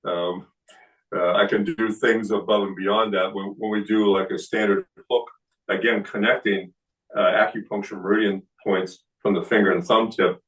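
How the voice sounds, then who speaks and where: Recorded a bit far off, as though by a camera on the other side of an indoor space, a man in his late sixties who teaches kung fu speaks at a seminar. His voice is low and slow, and his relaxed explanations are packed with fillers like "uh" and "you know."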